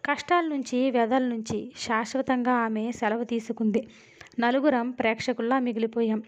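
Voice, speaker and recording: A woman narrating a novel as an audiobook, with steady and expressive storytelling. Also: fairly high pitch, moderate pace. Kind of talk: dramatic novel reading. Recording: dull lo-fi audio.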